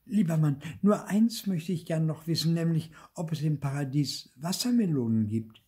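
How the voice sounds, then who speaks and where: A pestering peasant wife from a folk tale, as an older man reads her, pitched high with a husky, warm tone. She pleads with question after question. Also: lively intonation, normal speed. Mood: pleading. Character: poor peasant wife, nagging and curious.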